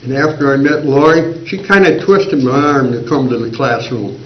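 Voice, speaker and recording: A man's voice: mid-range voice, expressive, moderate pace, a little hiss or hum. Older man telling folksy stories. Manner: folksy, anecdotal storytelling. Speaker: former school board member. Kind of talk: meeting remarks. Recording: roomy, dull community TV audio.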